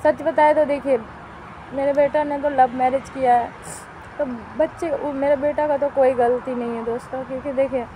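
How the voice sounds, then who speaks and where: Talking at normal speed in a steady, high-sitting voice, a middle-aged woman vlogs for her viewers against a noisy background. Outdoors by her home wood stove, she grumbles plaintively, going over the same points again and again.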